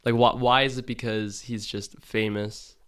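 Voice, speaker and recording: A man's voice: medium pitch, flat delivery, measured pace, over a noisy crowd. A young man co-hosting a casual sports chat, jumping in with short remarks and fillers. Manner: short interjections and hesitant fillers.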